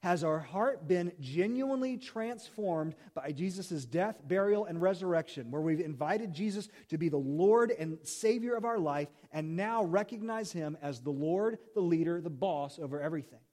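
A man's voice: fairly high pitch, animated, normal speed, few pauses, warm tone. A middle-aged male pastor giving a sermon in church, talking conversationally, joking and asking the congregation questions. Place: church sanctuary.

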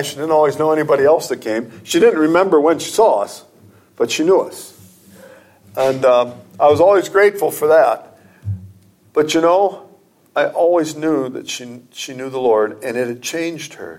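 A man's voice: fairly high pitch, a little mellow. A middle-aged man preaching a sermon, telling personal stories in an earnest way and lifting his voice on key points. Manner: earnest, storytelling, rising with emphasis. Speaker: pastor.

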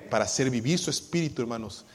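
Animated preaching pastor, man. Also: medium pitch, fast talker. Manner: animated preaching with acted-out quotes of congregants. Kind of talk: sermon. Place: church sanctuary. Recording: long hall reverb.

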